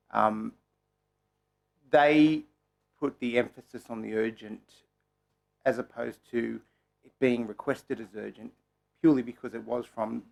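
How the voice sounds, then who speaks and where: An Australian man questioning a witness at a parliamentary committee, polite and halting, with many pauses. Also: medium pitch, vocal fry.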